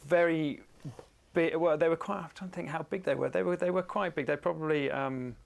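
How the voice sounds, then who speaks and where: A man's voice: on the high side, a little fast, gravelly. A man speaking on a panel as a camera operator, thoughtful and searching for his words. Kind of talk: panel discussion answer. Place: event in front of an audience.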